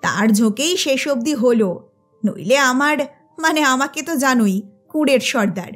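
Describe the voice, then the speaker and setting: A woman's voice: high-pitched, expressive, normal speed, a bit bright, soft background music. A woman voicing a grown son who talks hurriedly and awkwardly, saying more than he needs to.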